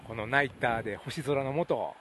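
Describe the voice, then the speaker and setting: A man with a Kansai accent co-hosting a podcast, joining in with animated, quick banter. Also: mid-range voice, a little hiss or hum. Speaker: podcast co-host. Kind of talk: casual chat.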